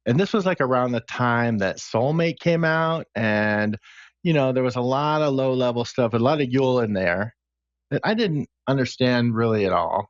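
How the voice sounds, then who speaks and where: A man's voice: mid-range voice, animated, moderate pace, no echo, highs cut off. A man chatting casually as a podcast guest, recounting his career path step by step. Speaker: podcast guest, smart contract engineer. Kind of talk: casual interview chat.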